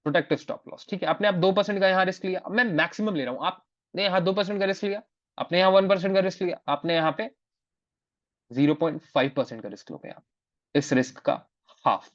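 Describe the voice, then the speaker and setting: A man with a fairly high voice leads a live trading class over an online call. He explains step by step and repeats his key phrases for emphasis. The audio is dry and slightly muffled. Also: brisk, no room sound. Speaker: trading mentor.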